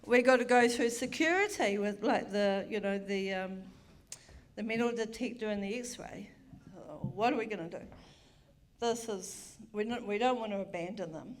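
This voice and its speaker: A woman's voice: mid-range voice, normal speed. A middle-aged woman telling a comic story on a theatre stage, frank, bawdy and self-mocking, with chatty asides.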